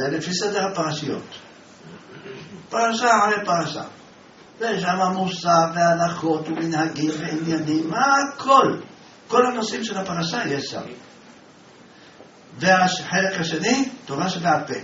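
A man's voice: high-pitched, a bit bright, a little hiss or hum. A man teaching a religious class as a rabbi, telling a story and asking his listeners questions. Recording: echoey room, distant mic, dull sound.

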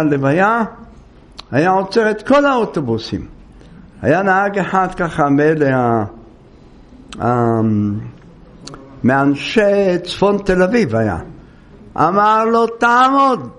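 An older man delivers a religious lecture in a high-pitched voice. He moves between teaching and storytelling, acting out the people in his anecdotes. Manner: storytelling, acting out quoted speech. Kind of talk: Torah lecture to listeners.

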